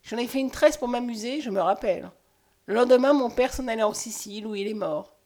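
Soft and pensive, a woman reader gives voice to a wary young woman recalling the past. The voice is fairly high and quietly measured. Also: lightly acted.

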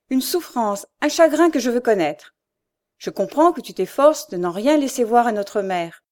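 A woman's voice: on the high side, a little mellow, natural voice. Storybook sister, insistent and urgent, read by a woman. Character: insistent, loving older sister.

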